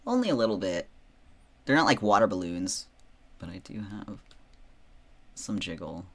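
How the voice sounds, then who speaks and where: A man's voice: lowish voice, very animated, normal speed, a bit bright. A man chatting casually on a livestream in a playful, theatrical way, boasting with tongue in cheek.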